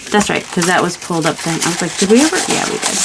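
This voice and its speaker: Amid clicks and crinkling paper, a woman chats and rambles through her craft video, teasing herself playfully as she works. Her fairly low voice races along in a sing-song way.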